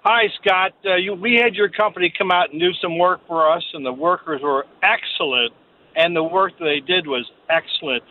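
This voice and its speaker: A man calling in to a radio show, talking plainly and haltingly over a phone line. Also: high voice. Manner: plain-spoken, halting with fillers. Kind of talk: casual call-in question.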